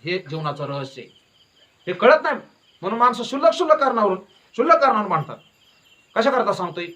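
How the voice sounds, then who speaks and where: High, bright-voiced man preaching emphatically. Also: very animated, fast talker. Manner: emphatic and repetitive, with folksy storytelling. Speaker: devotional preacher. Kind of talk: devotional sermon.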